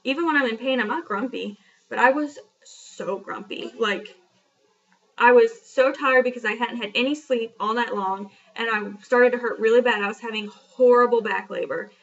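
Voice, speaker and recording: A woman's voice: fairly high pitch, moderate pace. A young woman telling a personal story in a casual vlog, chatty and frank, with lots of fillers. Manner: chatty, frank and self-deprecating, with many fillers. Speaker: vlogger. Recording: dull lo-fi sound from a distance.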